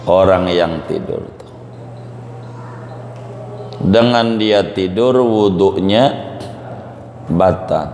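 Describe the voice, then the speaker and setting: Betawi guy teaching islamic law, jokey asides, talks real slow, big echoey hall. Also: deep voice, a little mellow. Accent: Betawi Jakarta. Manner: folksy joking asides to the audience. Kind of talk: religious study lecture. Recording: echoey hall with faint room noise.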